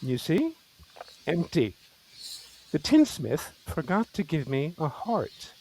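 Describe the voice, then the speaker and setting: Man playing a slow, wistful Tin Woodsman. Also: a little high, huge pitch swings, a little mellow, slightly rough, full character voice, low-quality recording. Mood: mournful. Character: wistful, sentimental, bashfully boastful tin man. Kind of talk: parody radio play acting.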